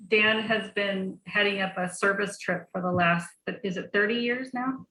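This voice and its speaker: Flat-voiced woman, echoey video call. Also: mid-range voice, normal speed. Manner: relaxed, with fillers. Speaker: class host. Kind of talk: casual class discussion. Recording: echoey room on a video call, faint noise.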